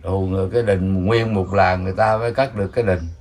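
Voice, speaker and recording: An older man with a Southern Vietnamese accent, telling old village stories in a rambling, animated way, chuckling now and then. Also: deep voice, fast talker. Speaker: elder storyteller. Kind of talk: casual storytelling.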